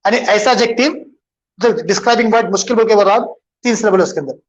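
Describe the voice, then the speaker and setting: A man's voice: high-pitched, very fast, dull audio, a little hiss or hum. A man teaching an English grammar lesson, switching between English and Hindustani and answering his own questions as he goes. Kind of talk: bilingual classroom lesson.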